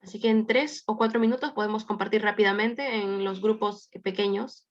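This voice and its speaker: A woman interpreting an online class, restating each point briskly and clearly. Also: mid-range voice, fairly even intonation. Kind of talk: consecutive interpreting into Spanish. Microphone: video call. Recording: dull lo-fi call audio.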